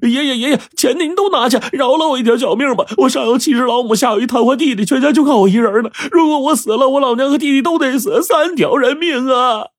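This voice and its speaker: A man's voice: extremely high pitch, fast talker, hardly any pauses, pitched above the performer's own voice. A man voicing a terrified young man who wails and begs desperately for his life in a told folk tale. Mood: wailing plea. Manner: wailing, desperate begging.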